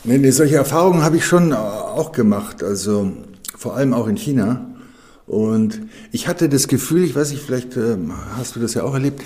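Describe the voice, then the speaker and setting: Mellow-voiced man hosting a chat. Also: medium pitch, animated, moderate pace. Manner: attentive, frequent short affirmations. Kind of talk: casual conversation.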